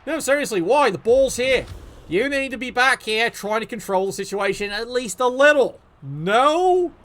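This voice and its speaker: Male game-match commentator, very high voice that swings widely, sarcastic and profane. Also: expressive, moderate pace, a bit bright.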